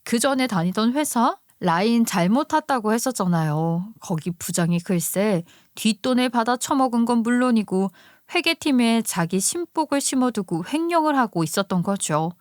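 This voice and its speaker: A woman narrating a story in a calm, matter-of-fact way. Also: fairly high pitch, moderate pace, dry recording, studio quality.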